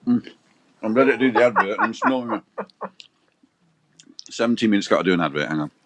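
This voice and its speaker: With heavy background noise around him on an outdoor balcony, a man with a lowish voice talks briskly and animatedly. He's co-hosting a relaxed livestream, bantering and reading out what viewers have written.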